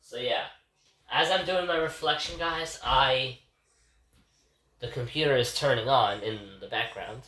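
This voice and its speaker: A congested man speaks a little slowly, with long pauses, in a sharp, medium-pitched voice as he vlogs from his home kitchen. His daily reflection is casual and rambling, punctuated by repeated calls to "guys," and the sound is roomy and far from the mic.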